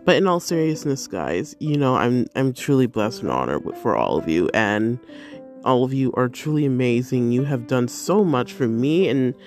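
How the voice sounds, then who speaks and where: A woman's voice: very deep voice, big pitch swings, normal speed, a little mellow, soft background music. A woman hosting her own podcast as a life coach, talking casually in a bubbly, effusive way with many fillers, and sounding tired. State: tired, yawning.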